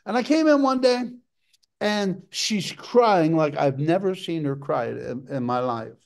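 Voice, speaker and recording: A middle-aged man preaching a sermon with passion, his voice jumping up high for emphasis. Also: expressive, measured pace, vocal fry. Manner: impassioned preaching, jumps to a high pitch for emphasis.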